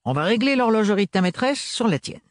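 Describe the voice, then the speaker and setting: A man's voice: sits high, lively intonation, fast talker, no room sound, voice pushed up. A man doing a sly, jovial redheaded servant. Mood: jovial teasing. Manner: chummy, teasing, slangy. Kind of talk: audiobook character voice.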